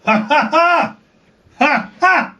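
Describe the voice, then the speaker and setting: A man's voice: very high-pitched, expressive, slow, sharp tone, distant mic, voice pushed up, exaggerated voice. A man voicing a triumphant young queen who gloats and cackles mockingly. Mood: gloating.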